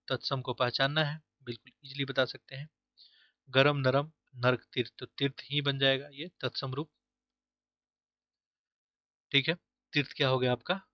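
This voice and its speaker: A man's voice: mid-range voice, bright, forceful tone, no echo. A man teaching Hindi for an exam, asking himself questions and repeating each answer to drill it in. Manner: uses English words like "easily", "correct", "option" inside Hindi. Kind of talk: online exam-prep lesson.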